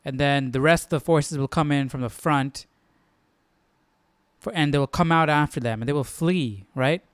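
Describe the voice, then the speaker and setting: A man hosts a Bible study informally, thinking aloud and often checking in with the listener in a casual chat of Bible commentary. His voice is on the high side and smooth, at a moderate pace, with no echo.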